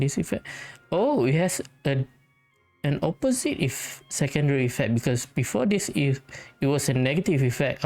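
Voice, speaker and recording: Game music plays under a gamer's casual play-through commentary as they hesitate and think out loud. As a let's play host, the speaker has a medium-pitched voice with a warm tone.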